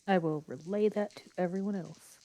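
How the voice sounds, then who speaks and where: Lower-pitched woman playing a tabletop game. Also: normal speed, dark tone. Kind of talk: casual in-character game chat.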